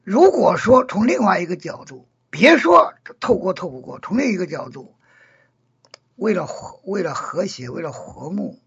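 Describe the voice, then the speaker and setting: A high-pitched man with a gravelly, very husky voice talks through a casual Buddhist discussion. He explains earnestly and keeps restating his points in new words. The recording sounds dull and lo-fi. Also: very animated, normal speed, a bit bright. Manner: earnest, repeats and rephrases points.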